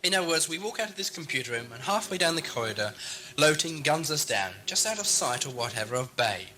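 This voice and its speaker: A man's voice: fairly high pitch, very animated, fast talker, pushed and bright. A man playing an inquisitive, moralising time-travelling adventurer in a science fiction audio drama, with a wry, questioning, theatrical delivery. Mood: suspicious, defiant. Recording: faint hum and noise, amateur tape.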